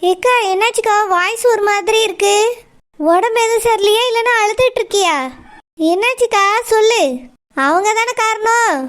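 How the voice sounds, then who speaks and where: A woman's voice: very high-pitched, moderate pace. A woman voicing an outspoken young woman in a village cartoon, urging her elder sister in a blunt, insistent, scolding way. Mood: urging, indignant.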